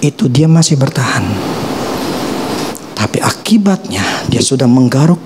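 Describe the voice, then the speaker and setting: A man in his forties preaches a sermon in relaxed flavored slang. His pitch rises and falls widely as he preaches. Clear background noise from the church hall sits under his voice. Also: moderate pace. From Indonesia. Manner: animated, preaching in casual slang with acted quotes. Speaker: pastor.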